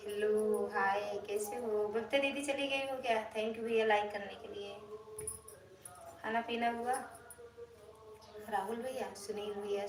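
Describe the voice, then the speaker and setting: A woman from Uttar Pradesh with an Awadhi accent, hosting a casual live stream and teasing viewers she greets by name. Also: medium pitch. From Uttar Pradesh, India. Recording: roomy, far from the mic, crowd noise.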